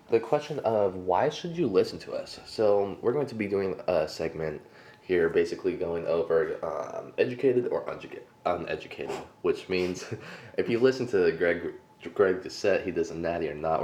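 A man's voice: sits low, darkish tone. A man co-hosting a casual fitness podcast, rambling with fillers, laughing and eating between thoughts. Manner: rambling, many fillers and restarts; talks while eating, laughs often. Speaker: podcast co-host.

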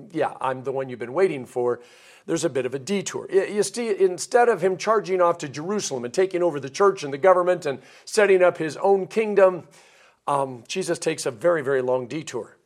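Animated male pastor preaching a sermon. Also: fairly high pitch. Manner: animated storytelling with playful asides and quoted voices.

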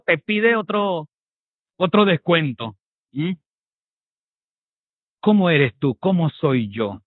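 A man's voice: on the high side, no echo. Male pastor, raised voice, preaching a sermon full of rhetorical questions; dry, tinny, phone-like recording. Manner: peppers talk with rhetorical questions and tag checks.

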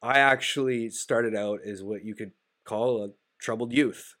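A man's voice: mid-range voice, steady tone, measured pace, fairly bright tone. A man in his thirties hosting his own podcast, talking casually and reflectively with a nasal, stuffy voice from a lingering cold and frequent fillers. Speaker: podcast host. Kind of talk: solo podcast monologue with sponsor reads.

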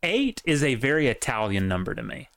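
A man hosts a loose comedy podcast, swinging his pitch up and down as he jokes. His voice comes through smooth and resonant. The recording is close and dry. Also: brisk, dry recording. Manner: joking, animated banter. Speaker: podcast co-host. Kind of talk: casual chat.

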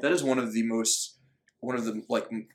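A man talks bluntly in a casual podcast chat, swearing freely and restarting his sentences as he goes. His voice has an ordinary middle pitch for a man. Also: steady tone, normal speed. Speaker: podcast co-host.

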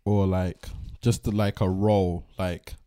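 A man's voice: low voice, little pitch movement, takes it slowly, warm tone. A young man co-hosting a casual late-night podcast, laid-back and joking, swearing casually. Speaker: podcast co-host.

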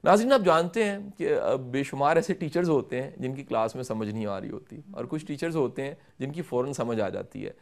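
Measured middle-aged man explaining. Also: mid-range voice, lively intonation, vocal fry. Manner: measured, explanatory, addresses viewers directly. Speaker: guest speaker on communication. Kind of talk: instructive interview answers.

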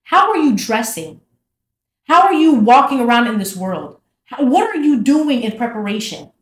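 A woman with a fairly high voice gives an informal faith talk, repeating herself and firing off rhetorical questions. She sounds animated and direct. The room around her is echoey. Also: moderate pace. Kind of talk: casual faith talk to camera.

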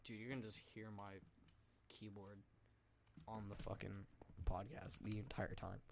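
A man's voice: lowish voice, steady tone, moderate pace, creaky, background noise. A man bantering casually over a game, crude and swearing heavily. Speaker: gaming podcast co-host. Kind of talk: casual chat while gaming.

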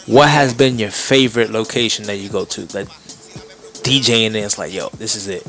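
A man's voice: fairly low pitch, brisk, fairly bright tone. A man hosting a casual interview, speaking in street slang with some Spanish mixed into his English. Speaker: podcast host interviewer. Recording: music behind the voice.

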